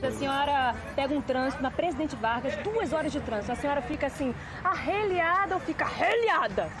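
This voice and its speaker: A woman's voice: high voice, expressive, brisk. A woman interviewing passersby on a city street outdoors, asking playful, teasing questions. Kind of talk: street vox-pop quiz. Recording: street crowd and loud music behind.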